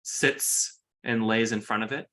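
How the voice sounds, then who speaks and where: A man narrating a tabletop role-playing game as game master, with halting, conversational descriptions. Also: fairly low pitch, steady tone, bright, forceful tone.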